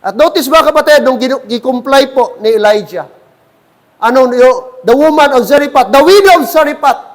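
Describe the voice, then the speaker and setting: A man's voice: very high voice, expressive, normal speed, in a large hall. A man with a Filipino accent preaching a sermon as pastor, switching between Tagalog and English and often calling out to the congregation. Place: church.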